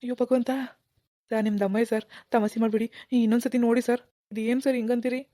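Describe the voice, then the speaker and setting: A desperate, bewildered village man voiced by a woman begs in a cartoon, pleading fast. The voice is dark and mellow, dry, a little high for a man. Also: little pitch movement, dry recording, lightly acted. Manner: pleading, bewildered, keeps begging "sir". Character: anxious village man pawning his gold. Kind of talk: animated cartoon dialogue.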